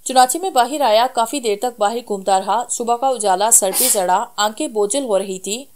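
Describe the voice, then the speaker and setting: A woman storyteller reads a horror tale aloud at a steady, measured pace. Her voice sits somewhat high for a woman. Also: slight background noise.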